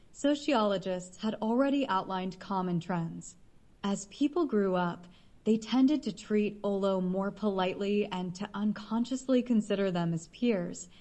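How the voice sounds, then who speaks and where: A woman narrating a science-fiction audiobook in a steady, measured reading. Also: mid-range voice.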